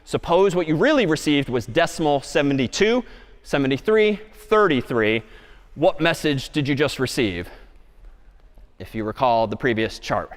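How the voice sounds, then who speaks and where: A man giving a university lecture on stage, lively and often putting questions to the audience. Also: fairly high pitch, normal speed. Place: large lecture hall stage. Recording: long reverb of a lecture hall.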